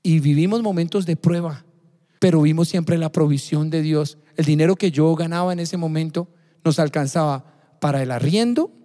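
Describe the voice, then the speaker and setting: A man's voice: on the high side, moderate pace, warm tone. A man preaching a sermon as a pastor, emphatic and fond of repeating key phrases. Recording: long hall reverb.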